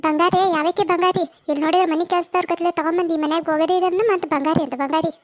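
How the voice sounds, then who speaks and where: Woman voicing a squeaky nagging village wife. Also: fairly even intonation. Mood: scolding. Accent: North Karnataka Kannada. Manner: nagging, complaining, fast-talking. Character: grumbling overworked young village wife. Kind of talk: cartoon comedy voice acting.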